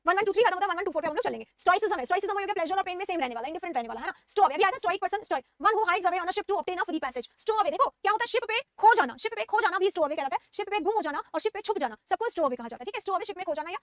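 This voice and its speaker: A woman teaching vocabulary in Hindi. She reads definitions slowly and keeps asking and answering her own questions. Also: very high voice, lively intonation, no room sound, studio quality. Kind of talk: vocabulary lesson.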